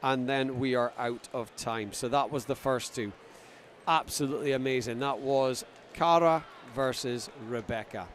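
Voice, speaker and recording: A Scottish man giving live sports commentary from ringside, getting excited as the action builds. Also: medium pitch, normal speed, a little hiss or hum. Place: ringside at a busy event venue.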